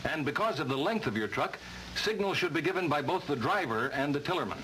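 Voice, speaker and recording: Bright-voiced American man, vintage 1950s-style film narrator. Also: fairly high pitch, expressive, a little fast. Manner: emphatic, formal, instructional delivery. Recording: noisy vintage training film soundtrack.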